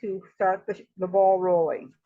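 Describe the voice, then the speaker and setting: A woman speaks in a casual online group session, pausing and thinking aloud as she answers. Her voice comes through the dull, muffled sound of a video call. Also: lowish voice, little pitch movement. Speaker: organizer.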